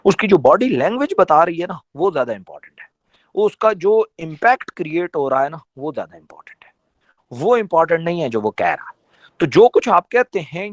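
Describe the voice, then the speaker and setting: Man, trainer, motivational training talk, emphatic and conversational, rhetorical questions, fairly high voice, dry close sound. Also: no room sound. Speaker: network marketing trainer.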